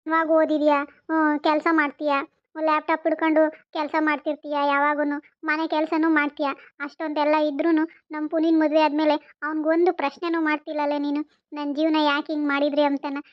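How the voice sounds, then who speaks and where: A woman's voice: sits high, level tone, brisk, dry recording, lightly acted. A woman playing a coaxing village mother-in-law. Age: older. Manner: coaxing, rustic village speech. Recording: dull lo-fi.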